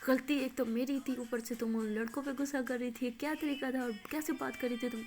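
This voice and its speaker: A woman's voice: sits high, fairly even intonation, brisk, darkish tone, soft background music, lightly acted. A woman voicing a clumsy, naive young woman who talks in an easygoing, apologetic way.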